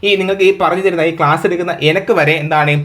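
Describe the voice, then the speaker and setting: Male tutor, Malayali accent, higher-pitched, drills answers by slow repetition. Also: fairly even intonation, fairly bright tone. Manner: drills words by slow repetition, keeps asking "okay?". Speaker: exam coaching teacher. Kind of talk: exam prep lesson, repeating answers.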